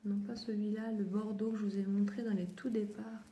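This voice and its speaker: A woman's voice: mid-range voice, little pitch movement, fairly quick, dark tone, a little hiss or hum. A woman chatting casually through a clothing haul, often stopping to correct herself mid-sentence. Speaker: vlogger showing children's clothes. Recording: echoey room.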